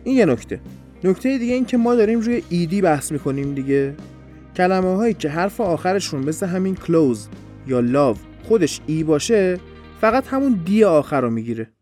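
A man's voice: sits high, lively intonation, darkish tone, soft background music. Man teaching in a patient podcast lesson. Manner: patient, step-by-step explaining. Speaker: English teacher.

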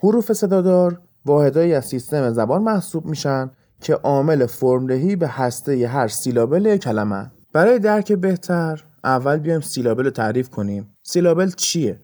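A man's voice: on the high side, very animated, mellow. A man hosting an educational podcast, patiently explaining things step by step with examples. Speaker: podcast host and English teacher.

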